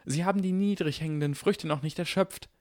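A man voicing a clever, excitable young schoolboy wizard in an audiobook, eager and lecturing. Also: medium pitch, moderate pace, no room sound, clean studio sound, voice pushed up, close to an everyday voice. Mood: insistent. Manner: eager, lecturing, barely restrained. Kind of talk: audiobook character voice.

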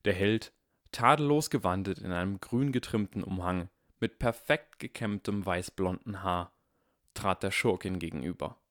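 A man giving a measured, expressive scripted narration of a story. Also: deep voice, dry recording, clean studio sound. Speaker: audiobook narrator.

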